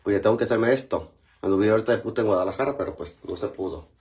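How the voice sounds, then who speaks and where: A man's voice: lowish voice, very fast, a little mellow. A man with a Mexican accent chatting casually on a livestream, greeting viewers by name and using lots of slang while he goes through his skincare routine. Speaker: livestream host.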